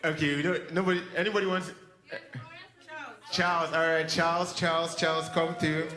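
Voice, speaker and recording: A man's voice: fairly high pitch, flat delivery, brisk, pushed and bright, faint music behind. A man hosting a church singles event who jokes with the crowd and calls for rounds of applause. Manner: upbeat, joking, calls for applause. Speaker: event host. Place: large hall with an audience. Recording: echoey hall with crowd noise.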